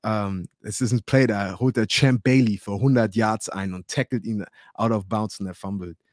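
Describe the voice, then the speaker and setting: A man's voice: on the low side, fairly even intonation, moderate pace, a little mellow, no echo, studio quality. A man in his thirties, a livestream host, casually telling personal stories to his chat, acting out quoted dialogue and laughing often. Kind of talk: casual storytelling to a live chat.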